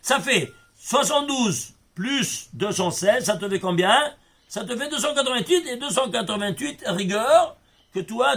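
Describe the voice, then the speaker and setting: A man's voice: high-pitched, vocal fry, fairly bright tone, husky. A rabbi giving an informal Torah lesson to a small group. He explains with animation and keeps checking that his listeners follow. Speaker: rabbi teaching a class.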